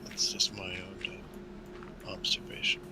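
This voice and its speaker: A man's voice: sits low, monotone, measured pace, noisy background. A man in a casual group voice chat while gaming, laughing often and hedging his opinions. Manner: laughs often, hedges with "I don't know". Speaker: gamer on voice chat.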